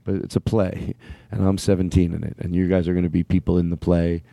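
A comedy podcast host in his thirties speaks in a low, gravelly yet mellow voice, with a flat delivery and a slightly fast pace. He rambles playfully through improvised banter, stammering and laughing at his own jokes. The sound is dry, with no room noise.

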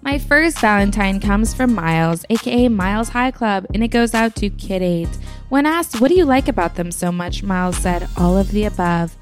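A woman's voice: mid-range voice, animated, normal speed, hardly any pauses, faint music behind. A woman hosting a podcast, giving scripted comedic commentary on the news in a wry, playful way with sarcastic asides. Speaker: podcast host.

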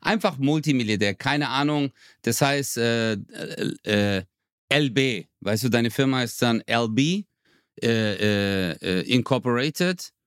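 A man's voice: mid-range voice, measured pace, clean tone, no echo, studio quality. A man co-hosting a podcast, rambling through a joke with lots of fillers. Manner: rambling, many fillers, laughs at own joke. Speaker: podcast co-host. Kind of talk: casual chat, telling a joke.

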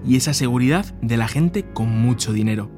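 A man narrating a documentary podcast from a script in a measured, descriptive way. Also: medium pitch, animated, music in the background.

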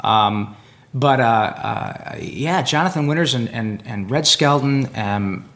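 At a slow pace and in a mid-range voice, this man chats as a guest voice actor in an easygoing interview on the convention floor. He's a rambling, animated storyteller whose long tales are thick with fillers and restarts.

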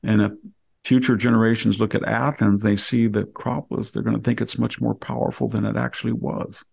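Gravelly, husky man explaining like a scholar. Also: fairly low pitch, little pitch movement, a little fast, darkish tone. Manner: erudite, emphatic, digressive, acts out imagined dialogue. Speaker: historian guest.

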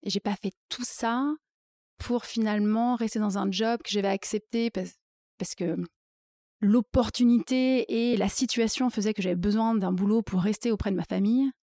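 A woman's voice: medium pitch, fairly even intonation, normal speed, mellow, no room sound, studio quality. A woman guest in a casual interview, telling her career story with many fillers and acting out her own inner thoughts.

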